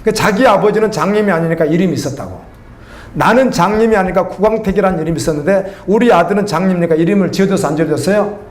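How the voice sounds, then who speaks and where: A middle-aged pastor preaches in church, speaking conversationally and posing questions to the congregation. His voice sits high and moves very fast, echoing around the room.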